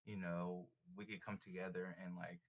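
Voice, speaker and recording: A man's voice: low-pitched, level tone, moderate pace. A young man with a Californian Bay Area accent telling stories casually as a podcast guest, in slangy, sweary frat-bro talk. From born in Southern California, raised in Richmond, California. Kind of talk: casual chat and storytelling.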